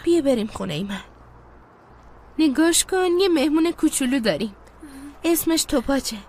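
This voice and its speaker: A woman's voice: sits high, animated, a little mellow, a little hiss or hum. An actress voicing a kind, motherly neighbor woman who speaks soothingly and affectionately. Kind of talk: TV drama dub.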